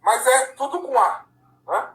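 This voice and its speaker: A man's voice: very high-pitched, animated, unhurried, a bit bright, slight background noise. A man from Paraná hosting a casual live-stream chat, talking conversationally and often ending with a tag question. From Paraná, Brazil. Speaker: live-stream host and councilors' association president. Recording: echoey room, distant from mic.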